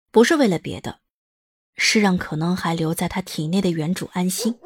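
A woman reading the narration of an audio drama in a smooth, lightly wry storytelling manner. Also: mid-range voice, slight background noise.

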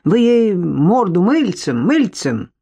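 A woman's voice: mid-range voice, sing-song, slow pace, dark tone, slightly rough, highs cut off, exaggerated voice. A woman voicing a bold, cheeky, meddling woman who talks brashly and sarcastically. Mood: bossy.

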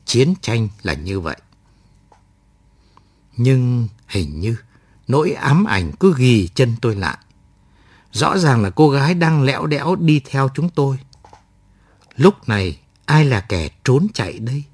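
A man's voice: mid-range voice, husky, dry recording. A man narrating a first-person war story aloud in a reflective storytelling manner. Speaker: audiobook narrator.

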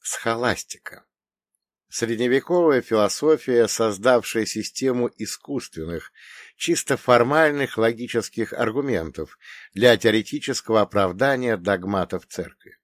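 A man reading a first-person audiobook in a measured, explanatory manner. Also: medium pitch, animated, no echo, studio quality. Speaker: audiobook narrator.

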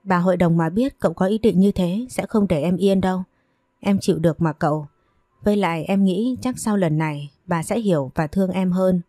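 A woman voicing a meek, long-suffering young woman who pleads gently and humbly. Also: fairly low pitch, fairly quick, no echo, close to an everyday voice.

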